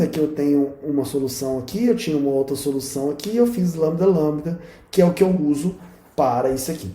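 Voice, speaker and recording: A man's voice: fairly high pitch, dark tone. A man with a Brazilian accent giving a university lecture at a whiteboard, joking and pointing as he explains. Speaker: university professor. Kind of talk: recorded classroom lecture at a whiteboard. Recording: echoey room sound.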